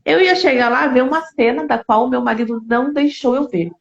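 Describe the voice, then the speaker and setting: A woman's voice: sits high, a little fast, creaky. A woman shares her own experience of grief in an earnest, emotional way. She repeats phrases for emphasis as she talks. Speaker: speaker sharing a personal grief story. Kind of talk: heartfelt conversational talk. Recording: roomy, slightly dull sound.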